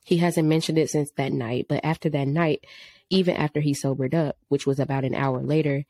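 Woman podcast co-host, deep register, dry studio sound, reads letters and gives direct advice. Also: fairly even intonation, fairly quick, mellow, dry recording. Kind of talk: casual chat.

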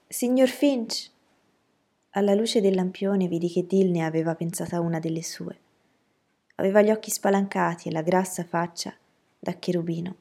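A woman reading a novel aloud as an audiobook narrator, telling the story in an even, steady way. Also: fairly low pitch, husky.

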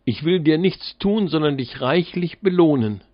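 A man's voice: on the high side, lively intonation, normal speed, no room sound, dull audio, voice pushed up, lightly acted. A man voicing a boastful, menacing male spirit from a bottle in a fairy tale reading. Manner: threatening, then pleading.

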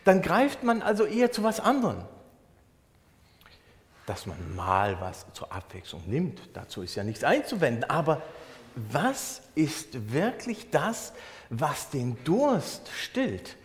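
A German pastor preaching in a conversational way, explaining a Bible verse with everyday examples. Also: male voice, fairly high pitch, very animated, takes it slowly. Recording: long hall reverb.

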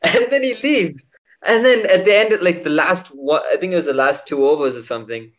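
A man's voice: fairly high pitch, big pitch swings, brisk, fairly bright tone. A young man chatting casually on a podcast, rambling with lots of fillers and frequent swearing. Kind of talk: casual chat. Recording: dull lo-fi audio.

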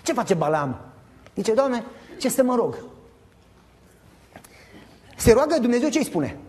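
Un pastor de vârstă mijlocie care predică animat, cu întrebări retorice către adunare și replici jucate. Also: male voice, extremely high pitch. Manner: animated, emphatic preaching with acted-out dialogue; addresses congregation directly with rhetorical questions. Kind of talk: sermon.

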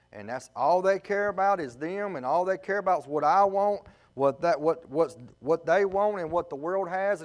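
A man preaching a sermon with deep feeling, drawing out words of scripture and speaking in plain folksy grammar. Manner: emotional, fervent preaching with Southern folk grammar; slow, drawn-out emphasis on scripture words.

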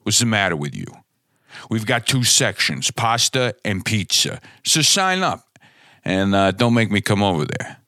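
A man's voice: fairly low pitch, big pitch swings, unhurried, sharp tone, no echo, studio quality, full character voice. A man doing a brash pushy cooking columnist. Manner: blunt, pushy, mock-threatening.

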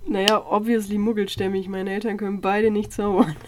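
A woman's voice: mid-range voice, flat delivery, fairly quick, noisy background. A young woman taking quizzes in a casual chat, reacting with exaggerated outbursts and dropping in English words.

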